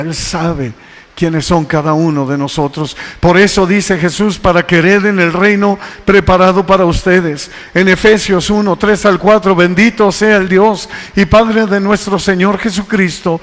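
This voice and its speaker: High-voiced male pastor preaching. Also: steady tone. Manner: preaching with rising exhortations and slow emphatic scripture reading. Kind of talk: sermon. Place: church sanctuary. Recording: long church reverb.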